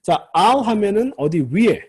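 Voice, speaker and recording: A male lecturer with a lively, rising-and-falling delivery, taking students through a grammar lesson one term at a time. His voice sits a bit high yet sounds mellow and slightly husky. He repeats key words and opens each new point with a brief cue. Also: measured pace. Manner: patient, repeats key terms, starts points with "자". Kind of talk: recorded classroom lecture.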